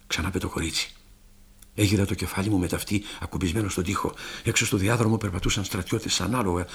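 A man giving a dramatic literary reading, hushed and brooding, voicing all the characters himself. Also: lowish voice, gravelly, breathy edge. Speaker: narrator.

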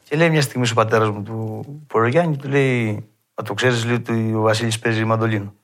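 A man with a Cretan accent, a mandolin player telling stories from his past and acting out old conversations in a lively way. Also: on the low side. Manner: lively storyteller who acts out past dialogue. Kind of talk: reminiscing storytelling.

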